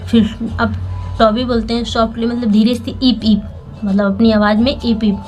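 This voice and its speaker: A woman teaching English through a children's story, reading each phrase slowly and explaining it word by word. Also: on the high side, little pitch movement, darkish tone, highs cut off, soft background music. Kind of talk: slow line-by-line story lesson with translation.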